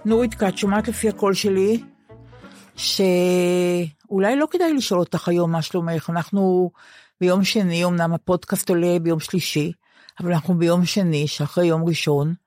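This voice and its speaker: Measured older Israeli woman, podcast host. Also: fairly low pitch, a little mellow, no room sound, studio quality, soft background music. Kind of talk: casual conversation.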